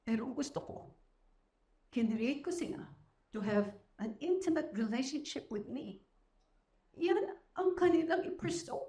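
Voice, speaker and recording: A woman's voice: sits high, animated, a little slow, long pauses, mellow. A woman pastor, preaching an emphatic sermon that moves between Tagalog and English.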